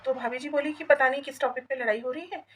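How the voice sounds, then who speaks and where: A woman from Rajasthan rattles through a comic story as if chatting with a neighbour over the wall. Her voice sits fairly high and she talks very fast, in a gossipy, animated village storyteller's way. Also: a little hiss or hum, rough recording. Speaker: comedy vlogger. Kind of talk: comic monologue addressed to a neighbour.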